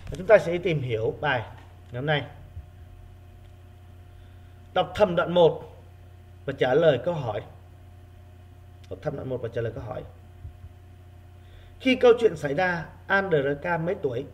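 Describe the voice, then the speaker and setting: A male primary school teacher giving an online reading lesson, repeating key words slowly for his pupils. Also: a little high, animated.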